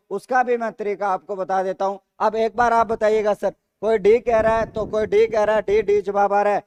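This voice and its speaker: A man's voice: sits high, a little mellow. A man with a Rajasthani Hindi accent teaching grammar in a live online class, repeating each question and answering it himself while calling viewers "sir". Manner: calls viewers "sir" constantly. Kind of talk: live online class, reading student comments.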